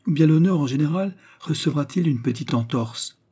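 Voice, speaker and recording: Mocking young student, voiced by a male reader; husky, dark tone, challenging lilt. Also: on the high side, lively intonation, moderate pace, voice pushed up. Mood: teasing. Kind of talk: audiobook character reading.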